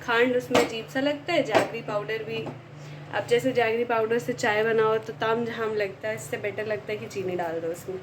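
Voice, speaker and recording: A young woman chatting casually to her viewers as she cooks at home, sometimes lowering her voice to keep the house quiet. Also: steady tone, normal speed, background noise. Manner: chatty, talks to viewers directly; speaks softly at times to keep the house quiet. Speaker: vlogger. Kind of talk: casual home vlog narration.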